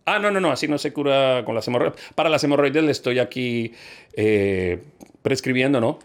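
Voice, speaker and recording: A man from Colombia telling jokes as a comedian, animated and acting out every character. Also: medium pitch, moderate pace. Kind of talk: stand-up joke telling.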